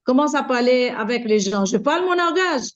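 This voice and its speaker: A woman's voice: high-pitched, lively intonation, normal speed. A woman chatting casually in a group, talkative and repeating her phrases. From Mauritius. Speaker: participant. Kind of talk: casual chat. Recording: dull lo-fi recording.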